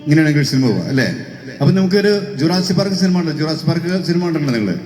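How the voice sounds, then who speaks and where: A man hosting a mimicry act on stage, teasing the audience with quick questions. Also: on the high side, expressive. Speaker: stage mimicry artist and host. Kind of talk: lively stage chat with the audience. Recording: echoey hall with faint music.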